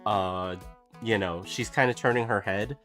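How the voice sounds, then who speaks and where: An artist streaming a drawing session talks at a measured pace in a lowish voice, recovering from a cough. His casual chatter rambles, full of fillers and restarts, with soft music in the background.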